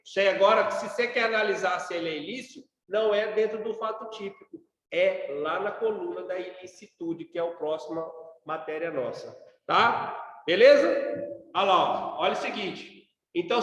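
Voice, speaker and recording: A Brazilian man lecturing on law in a relaxed, conversational style, tossing quick questions back to his class. His voice sits fairly high for a man. It rings through a very echoey hall with a long reverb tail. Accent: Brazilian Portuguese. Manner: colloquial, rhetorical questions and tags like "sacou?". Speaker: law professor.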